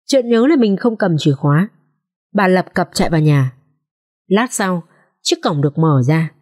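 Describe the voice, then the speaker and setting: A woman narrating a dramatic social drama audiobook in an expressive storytelling manner. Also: fairly low pitch, moderate pace.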